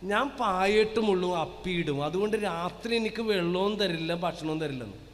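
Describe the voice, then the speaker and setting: Frail old granny pleading soft and low, as a priest puts her on, big echoey hall. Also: lively intonation, normal speed. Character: frail elderly woman pleading softly. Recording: long hall reverb.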